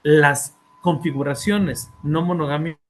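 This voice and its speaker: Speaking a little slowly, an author and therapist with a Mexican Spanish accent presents his book to an academic audience. His pitch is fairly high and his intonation fairly even, and he hesitates often, repeating words, using fillers and checking in with listeners.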